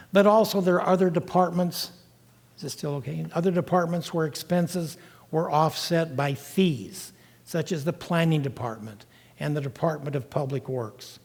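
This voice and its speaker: An older man speaks in a reverberant lecture hall, his voice pitched a little higher than most men's. He lectures in the first person, explaining things directly to his listeners and leaning on key points with emphasis. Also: darkish tone. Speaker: guest lecturer recounting time in county government.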